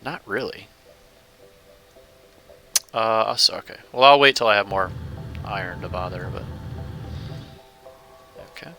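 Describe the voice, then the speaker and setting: A man's voice: fairly low pitch, a little slow, creaky, pauses often, sharp tone, faint music behind. A man casually talking through his gameplay as a channel host, thinking aloud and chuckling now and then. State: hiccups. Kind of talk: casual let's-play commentary.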